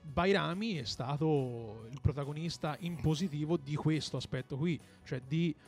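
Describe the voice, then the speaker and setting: This co-host of a football discussion has a slightly high voice and speaks at normal speed, with soft music in the background. As a pundit giving conversational match commentary and analysis, he frequently gropes for words and repeats himself.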